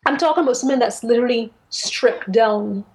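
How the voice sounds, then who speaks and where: The recording is rough, capturing a woman from the Caribbean whose voice is on the high side and a little mellow. As a podcast co-host in a casual literary discussion, she talks in an articulate, deliberate way, careful about word choice.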